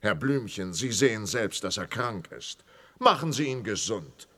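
A man's voice: lowish voice, animated, unhurried, bright, forceful tone, husky, full character voice. An actor playing a polite, formal male maharaja who is worried about his elephant. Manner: formal, courteous.

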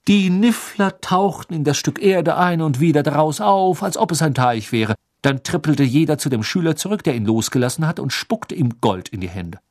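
A man reading a storybook aloud as narrator, in an expressive, even voice. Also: a little high, normal speed, few pauses, no echo, clean studio sound. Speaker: audiobook narrator.

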